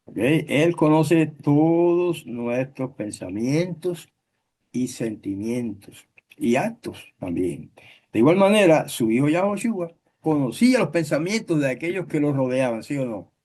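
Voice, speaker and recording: A man's voice: fairly high pitch, big pitch swings, mellow. A middle-aged man teaching a Bible class, explaining terms step by step and checking in with his listeners. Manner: explains slowly, checks in with "¿ok?" and "¿verdad?".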